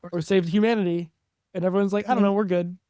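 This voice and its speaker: A man's voice: high-pitched, fairly even intonation, fast talker, dark tone, clean tone, no echo, clean studio sound. A man co-hosting a podcast, chatting casually with lots of fillers. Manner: chatty, filler-heavy with frequent "like". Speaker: podcast co-host. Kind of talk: casual chat.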